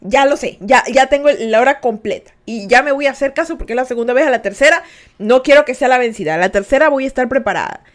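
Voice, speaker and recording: A young woman from Ecuador, hosting a podcast and telling a story to listeners in a casual, animated way. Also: sits high, fast talker. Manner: animated, acts out voices and laughs while telling. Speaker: podcast host.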